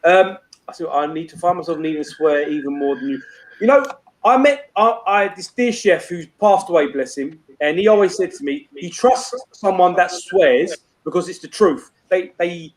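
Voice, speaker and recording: A man's voice: sits high, normal speed. A man hosting a casual live swap-shop stream, rambling, swearing and laughing often. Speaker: livestream host.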